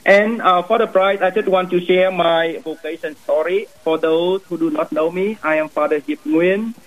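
A man's voice: high-pitched, moderate pace, phone-quality sound. A man in his thirties from Vietnam, a priest speaking English with a Vietnamese accent, earnestly telling his vocation story.

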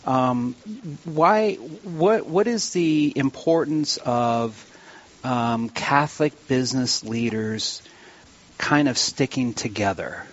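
A middle-aged man hosting a live radio round-table interview, animated and repeating his words for emphasis. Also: mid-range voice, slow. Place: live remote broadcast from a church. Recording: dull band-limited radio sound.

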